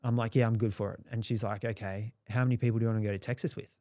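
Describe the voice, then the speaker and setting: A man's voice: fairly low pitch, steady tone, racing, warm tone, no room sound, studio quality. A young Australian man telling his story in a candid, rambling way, swearing freely and acting out quotes. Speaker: guest.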